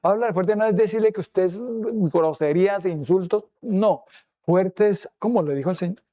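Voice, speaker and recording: A man's voice: high-pitched, normal speed, mellow. A male pastor preaching a sermon, asking his listeners rhetorical questions. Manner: asks the congregation rhetorical questions; acts out quoted speech in changed voices.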